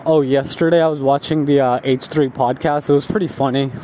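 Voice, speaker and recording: A man who is high and tired, talking in a laid-back, rambling stoner drawl, like a casual spoken diary. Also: fairly even intonation, a little fast, dark tone, rough recording. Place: outdoors, walking along a residential street at night. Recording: outdoor street noise with passing cars.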